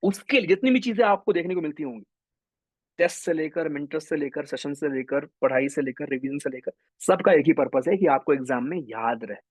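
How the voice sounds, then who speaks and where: A young man teaching English grammar in an online exam-prep class, energetic and mixing English terms into his talk. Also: on the high side, brisk, slightly rough, dry recording. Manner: energetic, mixes Hindi with English terms, addresses students as brothers.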